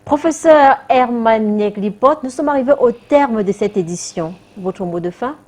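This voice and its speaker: A woman with a mellow, warm tone. She hosts a TV show and reads viewer messages in a brisk, plain way. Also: fairly high pitch. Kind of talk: broadcast hosting.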